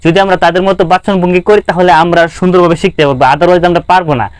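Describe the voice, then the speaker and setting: High-voiced young Bangladeshi man teaching. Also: steady tone, quick pace, clean tone, no room sound. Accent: Bangladeshi Bengali. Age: young adult. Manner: repetitive, restarts phrases, earnest and encouraging. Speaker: spoken English teacher. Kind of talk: informal lesson talk to camera.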